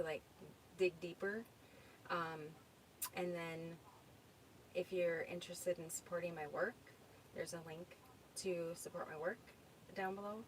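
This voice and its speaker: A woman from the United States with a Minnesota accent hosts an easygoing livestream, where she reads out viewer comments and reasons aloud while searching. Her voice is on the low side, captured in low-quality audio with faint background noise.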